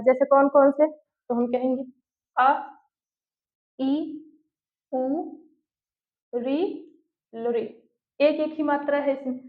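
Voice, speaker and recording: A woman teacher speaks slowly and patiently in a high voice, asking the class questions and then answering them herself. She dictates notes word by word. The sound is tinny and phone-like, with the echo of a bare room. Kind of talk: online class lesson.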